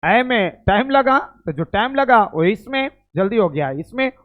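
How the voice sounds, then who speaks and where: Male teacher, slow drilling delivery, repeats points, tinny phone-like sound. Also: high voice, expressive. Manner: repetitive, drilling students aloud; uses cricket analogies. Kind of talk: grammar lesson.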